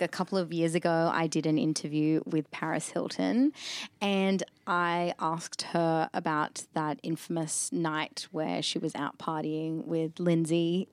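Chatty Australian woman, low voice. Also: dry recording. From northern New South Wales, Australia. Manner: chatty, self-mocking, many ums and restarts. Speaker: podcast co-host. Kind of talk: casual chat.

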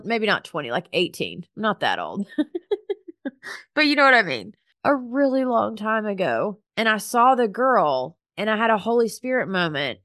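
A woman's voice: fairly low pitch, a bit bright, no echo, studio quality. Chatty, earnest woman podcast host. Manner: chatty and earnest, frequent "like" fillers, faith-filled encouragement. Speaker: podcast host and business coach for professional organizers. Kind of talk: casual heartfelt solo podcast monologue.

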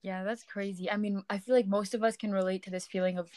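A woman's voice: mid-range voice, steady tone, fast talker, darkish tone, rough recording. A woman hosting a casual podcast interview, asking friendly, chatty questions. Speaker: podcast host.

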